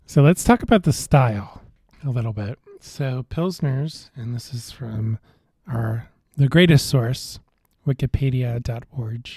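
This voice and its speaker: A man co-hosting a podcast in casual beer-tasting chat, relaxed and hesitant, with many fillers and restarts. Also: medium pitch, a little slow, husky, no room sound, clean studio sound. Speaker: podcast co-host.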